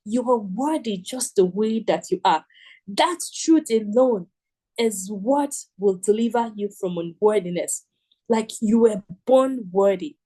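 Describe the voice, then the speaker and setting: A woman's voice: medium pitch, lively intonation, unhurried, warm tone. Earnest woman teaching, repeating herself emphatically. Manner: repetitive, emphatic, earnest with frequent "right?" and "you know". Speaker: program teacher. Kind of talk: motivational teaching talk.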